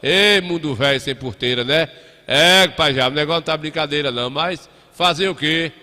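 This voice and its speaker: A man's voice: on the high side, moderate pace, bright, forceful tone. A middle-aged man hosting a live show in a folksy, chatty way, calling his listeners compadre. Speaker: radio host. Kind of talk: casual live chat. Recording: echoey hall.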